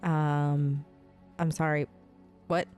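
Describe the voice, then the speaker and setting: A woman with a low, slightly mellow voice speaks flatly and draws out her words. As a gaming host playing her character in a role-play let's play, she improvises chatty, casual, somewhat hesitant replies over game music.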